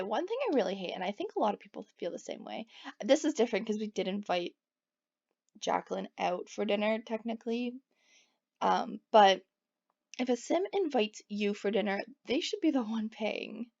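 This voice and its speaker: A woman talks her way through a life-sim game in a loose, rambling style, often stopping for asides to her viewers. Her voice sits a little high with a gravelly fry. The recording sounds dull and lo-fi. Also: a little mellow. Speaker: let's play gamer. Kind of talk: casual gameplay commentary.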